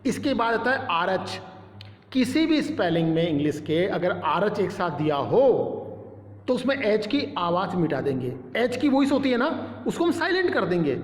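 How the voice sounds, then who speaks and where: A man's voice: sits high, sing-song, moderate pace. A male teacher giving a step-by-step lesson, spelling out letters and repeating each word. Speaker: English teacher. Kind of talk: classroom-style lesson. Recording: echoey room with long reverb.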